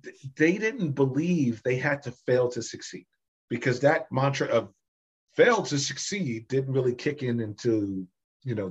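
A man's voice: medium pitch, breathy edge, lo-fi sound. A man speaking as a podcast guest, talking emphatically and animatedly about his business experience. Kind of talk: conversational podcast interview.

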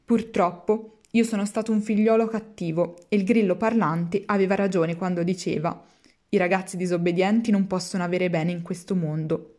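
A woman's voice: fairly low pitch, steady tone, normal speed, darkish tone, lightly acted. A woman reading as a remorseful wooden puppet boy. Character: naughty young wooden puppet boy, wistful. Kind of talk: storybook reading.

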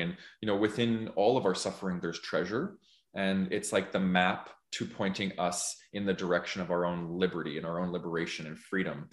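A man hosting a podcast, talking in a thoughtful, earnest way as he works through an idea, often restarting his sentences. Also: low voice. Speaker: podcast host. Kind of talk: casual conversational chat. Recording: echoey room.

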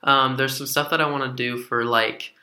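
A man's voice: medium pitch, fairly even intonation, normal speed, pushed and bright. A young man co-hosting a podcast, chatting casually and rambling with lots of fillers. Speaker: podcast co-host. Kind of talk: casual chat.

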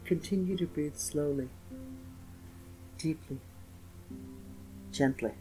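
A man's voice: fairly high pitch, poor audio. Soothing man guiding meditation over music. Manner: slow, gentle, soothing delivery with pauses. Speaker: guided meditation narrator. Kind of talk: scripted guided meditation. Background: soft instrumental music with guitar.

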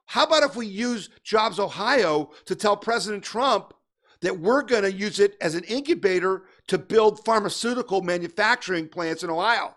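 A man with a somewhat high-pitched voice holds forth as a political radio host. He rants with exasperation and conviction, throwing out rhetorical questions as he delivers his opinionated monologue. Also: expressive, normal speed, a bit bright.

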